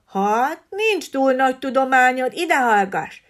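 A woman voicing a vain, boastful budgie parrot in a storybook reading, with a shrill screech and slow sing-song self-praise. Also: lively intonation, fairly bright tone.

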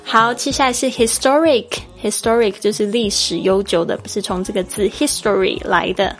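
Over soft background music, this woman from Taiwan hosts a podcast English lesson, her medium-pitched voice fairly even and at normal speed, with a Taiwanese Mandarin accent. She teaches in a chatty, explanatory way, spelling out words letter by letter.

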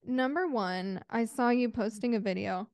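A woman co-hosting a podcast in casual chat, playful and quick to laugh. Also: on the high side, a little mellow, no room sound, studio quality. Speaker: podcast co-host.

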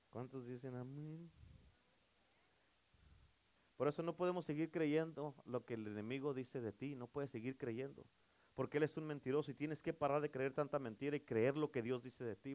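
A male pastor preaching a sermon, emphatic, calling for amens and swinging between loud and soft. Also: medium pitch.

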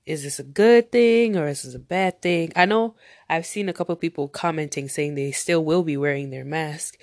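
A woman with a low voice hosts a casual solo podcast, chatting and rambling off on tangents while sounding nasal from a cold. The recording is dry and of studio quality.

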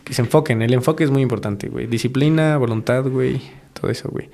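A man's voice: mid-range voice, fast, creaky, dark tone. A young man with a central Mexican accent chatting casually as a podcast guest, bro-like, emphatic and full of swearing and slang. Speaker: podcast guest, reggaeton artist. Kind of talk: casual chat.

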